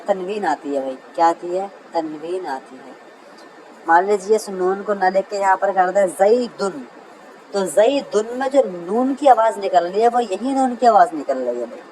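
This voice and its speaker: A man teaching Arabic grammar in a lecture, who keeps calling his listeners brother, reads example sentences slowly and answers his own questions. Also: high voice, a little mellow, a little hiss or hum, poor audio. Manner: asks a question and answers it himself. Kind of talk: classroom lecture.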